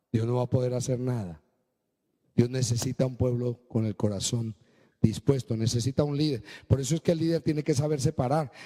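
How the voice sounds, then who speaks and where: A man preaching a sermon as pastor, swinging between low, slow stretches and high, emphatic bursts. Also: mellow, big-room sound.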